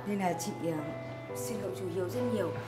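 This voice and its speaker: An actress playing a young single mother who talks to her small son and apologizes to a neighbor, soft and coaxing, with music behind. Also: mid-range voice, fast talker, close to an everyday voice. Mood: apologetic. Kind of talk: web drama acting.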